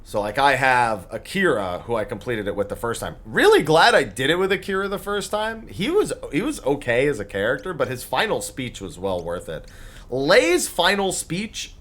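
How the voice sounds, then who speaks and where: A man's voice: medium pitch, very animated, moderate pace, fairly bright tone. A man streaming a video game, thinking aloud about his plans, swearing freely and laughing at the game. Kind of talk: casual live game commentary.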